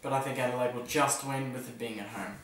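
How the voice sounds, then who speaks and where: This Australian footy tipster talks fast in a fairly bright, medium-pitched voice with fairly even intonation, sounding distant from the mic in an echoey room. He previews the football round casually, offering strong opinions and poking fun at himself.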